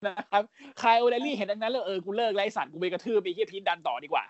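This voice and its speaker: A man co-hosting a casual podcast who retells events in an animated, crude way and keeps slipping into imitations of other people. The sound is dry and a little dull, like a lo-fi recording with no room around it. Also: high-pitched, fast talker, dry recording. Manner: animated storyteller, crude slang, mimics voices. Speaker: podcast co-host.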